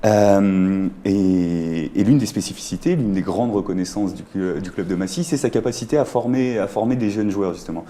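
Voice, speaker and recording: A man's voice: deep voice, moderate pace, few pauses, warm tone. A male radio host leading an interview in a studio, prompting his guests and often finishing their sentences.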